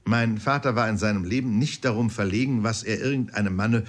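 Audiobook narrator, man, husky tone, measured literary reading. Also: fairly low pitch. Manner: measured storytelling with occasional fillers.

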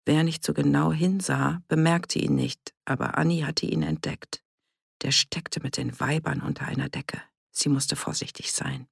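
A narrator reading a novel aloud in a measured, even storytelling manner. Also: medium pitch, vocal fry, slightly rough, dry recording, clean studio sound. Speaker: audiobook narrator. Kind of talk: scripted narration.

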